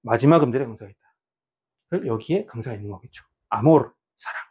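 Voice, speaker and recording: A man teaching a beginner Spanish lesson in Korean, repeating example words slowly and asking his students questions. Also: medium pitch, expressive, mellow, breathy edge.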